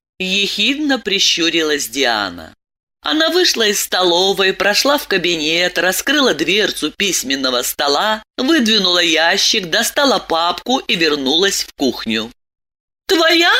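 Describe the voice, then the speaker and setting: A woman narrating an audiobook with an animated, dramatic reading. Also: lowish voice, unhurried.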